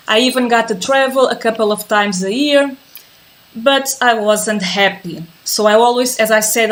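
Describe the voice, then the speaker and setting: A yoga and mindfulness teacher from Portugal's Azores introduces her live-streamed class in a medium-pitched voice. Calm and patient, she goes over the same things again while waiting for people to tune in.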